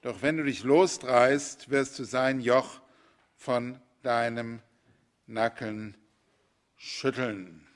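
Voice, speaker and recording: A man voicing an aged, blind father who solemnly blesses his sons, reciting slowly in biblical style. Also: mid-range voice, steady tone.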